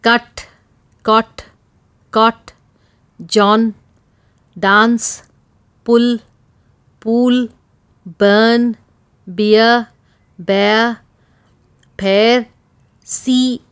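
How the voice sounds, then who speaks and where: A woman's voice: on the high side, clear, resonant tone, no room sound. A woman from India with an Indian accent, reading a prepared text aloud. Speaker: accent sample speaker. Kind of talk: reading a passage and word list aloud.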